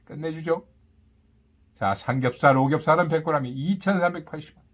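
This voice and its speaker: A man with a slightly high voice delivers a live market vendor's sales pitch. He calls out items and prices in short, punchy phrases, repeating them and tossing in boastful catchphrases to sell the deal. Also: a little fast, husky. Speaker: market vendor announcing produce and meat prices. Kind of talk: live sales patter, calling out prices and specials.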